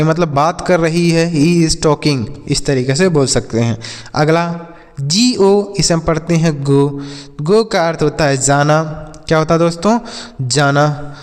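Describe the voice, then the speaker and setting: A man's voice: a little high, smooth, long reverb tail. A man teaching English words to Hindi-speaking viewers, repeating each word and asking questions back. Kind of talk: Hindi-language English vocabulary lesson.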